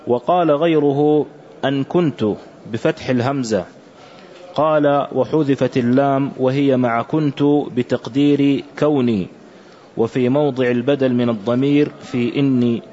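Guy reading an old commentary out loud, careful and measured, kinda muffled lo-fi sound. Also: mid-range voice, steady tone. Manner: measured, careful recitation of quoted texts. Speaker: student reading the text aloud. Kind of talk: formal reading of a classical commentary. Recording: dull lo-fi recording.

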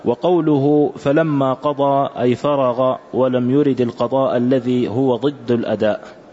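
A man reading aloud a classical religious commentary for a teacher, in a measured, careful recitation. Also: mid-range voice, steady tone, warm tone. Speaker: student reading the text aloud. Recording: dull lo-fi recording.

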